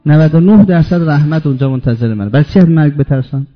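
A man delivers a religious sermon. He climbs to loud, emphatic peaks and then sinks to quiet, slow passages. The recording sounds dull and lo-fi, like a radio broadcast, with faint music underneath. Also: a little high. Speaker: preacher.

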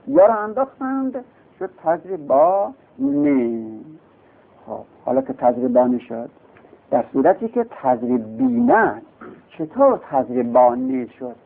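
A man with a gravelly, mid-range voice gives a classroom lecture, explaining step by step and asking and answering his own questions. The recording is tinny and lo-fi.

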